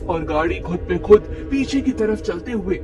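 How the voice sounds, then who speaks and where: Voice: mid-range voice, expressive, normal speed. A narrator reading a scripted horror story for a cartoon. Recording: distant voice under loud music.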